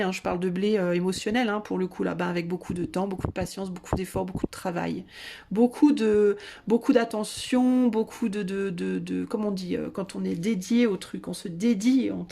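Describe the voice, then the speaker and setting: A woman's voice: medium pitch, mellow. A woman giving a casual tarot reading to her viewers, chatty and slangy, with many hesitations. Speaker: tarot reader.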